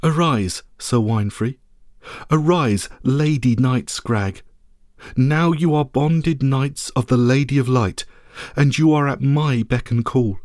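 A man's voice: mid-range voice, darkish tone, dry recording, clean studio sound, close to an everyday voice. A man reading a story aloud, voicing a regal woman who rules by light, speaking in a solemn, ceremonial way. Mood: commanding. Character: regal commanding woman, radiant ruler of light.

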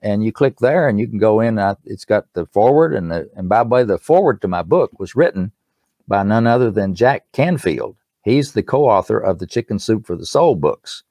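Older man, East Tennessee accent, lowish voice, folksy and earnest, conversational, close dry recording. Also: animated, moderate pace, warm tone, dry recording. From East Tennessee, United States. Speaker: musician and author, interview guest. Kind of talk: conversational promotional talk.

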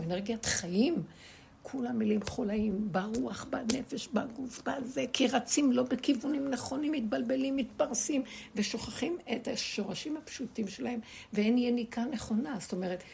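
Woman, spiritual teacher, gravelly creaky voice, emphatic and repetitive, rhetorical questions, faint background noise. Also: fairly high pitch, darkish tone. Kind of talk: spiritual teaching to a small group.

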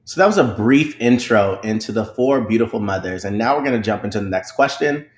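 A man's voice: on the low side, animated, fairly quick. A man co-hosting a podcast, chatting casually in an upbeat, conversational way. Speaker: podcast co-host. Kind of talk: casual chat. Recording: roomy echo.

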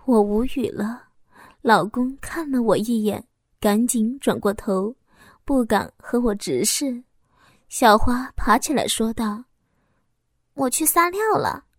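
A woman narrating a first-person audiobook in a soft, intimate, confessional way into a close mic. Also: fairly high pitch, takes it slowly, no room sound.

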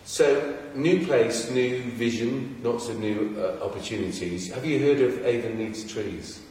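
A man's voice: mid-range voice, a little slow, darkish tone, a little hiss or hum. An English man hosting a podcast, chatting in a rambling, enthusiastic way and often restarting his sentences. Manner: rambling, self-interrupting, enthusiastic. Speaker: podcast host. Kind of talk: casual chat interview. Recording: echoey room, far from the mic.

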